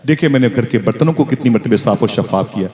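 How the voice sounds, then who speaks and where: A man's voice: medium pitch, lively intonation, fast talker, close to an everyday voice. A man preacher voicing a tender, hopeful young widowed mother in a pleading, questioning way, over crowd noise at a live gathering. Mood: proud.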